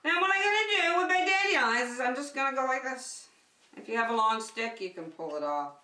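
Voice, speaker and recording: This middle-aged woman, a preschool teacher, hosts circle time and a craft lesson in a high, expressive, sharp voice, moving fairly quickly. She uses simple phrases and a sing-song, encouraging manner, picked up by a distant microphone in an echoey room.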